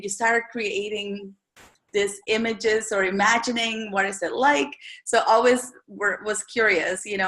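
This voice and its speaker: Woman from El Salvador, guest author; casual, thoughtful interview answers with searching pauses. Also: medium pitch, a bit bright. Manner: thoughtful, with frequent fillers and restarts.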